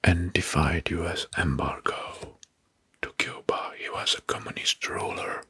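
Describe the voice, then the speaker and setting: This ASMR narrator whispers history facts in a low register with fairly even intonation. His breathy, largely unvoiced whisper moves slowly and deliberately, gently echoing names and words.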